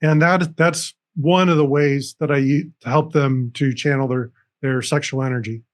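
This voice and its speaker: A man's voice: mid-range voice, steady tone, moderate pace. A man speaking as a guest on an interview show, earnestly explaining things step by step with frequent restarts, over a video call. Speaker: recovery coach guest. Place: room with dragon decorations behind him.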